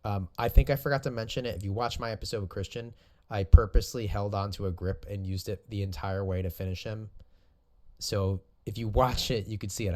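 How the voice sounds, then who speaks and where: A man's voice: on the low side, a little mellow. A man in casual commentary, coaching jiu-jitsu as he breaks down sparring footage, easygoing and rambling, often correcting himself.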